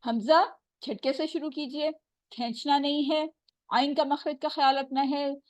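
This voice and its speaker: A woman teaching Quran recitation, patiently explaining and slowly repeating sounds to demonstrate them. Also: high voice, fairly even intonation, dry recording. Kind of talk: tajweed lesson.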